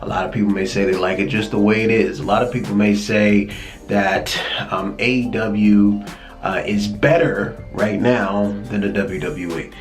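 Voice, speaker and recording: A man's voice: lowish voice, moderate pace, faint music behind. Fired-up man hosting a wrestling show. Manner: energetic, excitable, repeats words when fired up. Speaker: host. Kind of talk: casual wrestling commentary.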